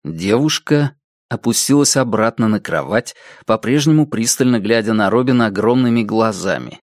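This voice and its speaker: A man narrating an audiobook in a measured, even storytelling manner. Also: fairly low pitch, no echo, clean studio sound. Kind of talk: scripted narration.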